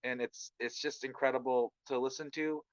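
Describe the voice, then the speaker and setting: A man's voice: medium pitch, fairly even intonation, normal speed, no room sound, muffled recording. A man hosting a podcast, asking questions in an upbeat, friendly casual interview. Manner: upbeat, friendly, hype intro. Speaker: podcast host.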